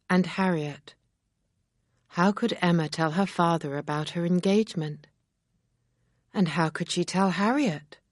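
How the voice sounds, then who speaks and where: A woman narrating a story in a slow, clear, measured reading style. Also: lowish voice, no echo, clean studio sound.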